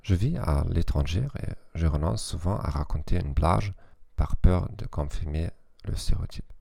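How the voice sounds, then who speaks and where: Deep, gravelly German-accented man, halting French. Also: mellow, dry recording, clean studio sound. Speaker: podcast host. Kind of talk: scripted educational podcast narration.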